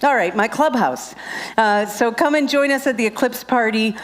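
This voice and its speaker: A woman's voice: on the high side, normal speed. A woman minister giving chatty, joking announcements at the start of a Sunday service, laughing often.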